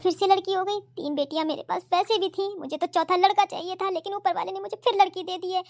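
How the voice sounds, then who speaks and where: A woman's voice: very high voice, steady tone, fast, a little mellow. A woman voicing a worried, secretive middle-aged father in a cartoon story. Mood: troubled. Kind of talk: cartoon voice acting.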